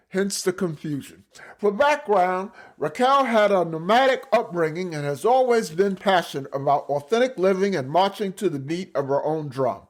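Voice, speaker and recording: A man hosting a podcast, reading an enthusiastic introduction and then asking questions with some hesitation. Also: high-pitched. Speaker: podcast host. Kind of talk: podcast interview. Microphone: remote call setup.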